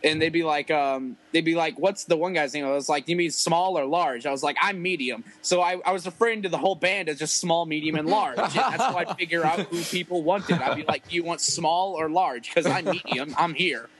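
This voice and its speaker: A man's voice: a little high, fairly quick, hardly any pauses, fairly bright tone, poor audio. A man casually telling a rambling, profane story about playing a show with his rap group, full of fillers.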